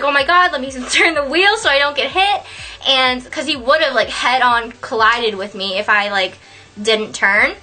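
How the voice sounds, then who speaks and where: A young woman telling a story on her vlog, animated and sweary, laughing often. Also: fairly high pitch. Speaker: vlogger.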